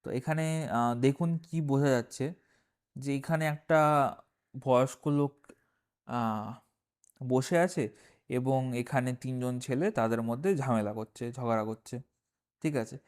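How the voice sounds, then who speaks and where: A man's voice: mid-range voice, takes it slowly, long pauses, darkish tone, smooth. A man teaching from a primary school textbook in a casual recorded lesson. He reads lines aloud, explains with frequent "ah" fillers, keeps asking "okay?" and corrects himself as he goes. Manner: self-corrects page numbers aloud.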